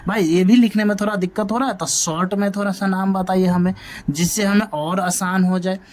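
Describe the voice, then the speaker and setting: A man's voice: sits high, fairly even intonation, fairly quick. A male math teacher giving a classroom lecture, often asking a question and then answering it himself. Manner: drills points by asking and answering his own questions.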